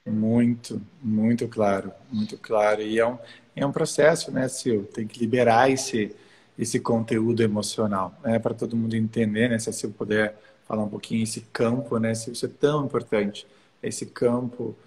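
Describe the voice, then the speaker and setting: A man hosting a live-stream interview. He affirms his guest warmly and tags his questions with "né". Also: lowish voice, flat delivery, moderate pace. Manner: warm and affirming, with frequent tag questions.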